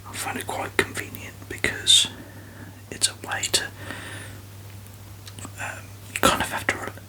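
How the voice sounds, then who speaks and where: A person whispering an ASMR review very softly, with tingly mouth sounds and halting, unhurried phrasing. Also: poor audio. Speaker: ASMR video host.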